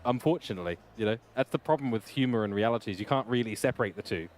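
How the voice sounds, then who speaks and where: A man's voice: lowish voice, quick pace. A man streaming a racing game and chatting casually. He rambles in a jokey way and often corrects himself. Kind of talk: casual chat while racing. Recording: loud race car engine noise.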